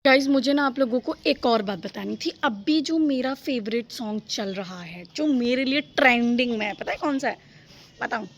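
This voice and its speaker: A woman's voice: on the high side, animated, normal speed. A young woman vlogging into her phone camera on a rooftop, chatty and rambling, often giggling. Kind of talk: casual chat to camera. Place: rooftop outdoors.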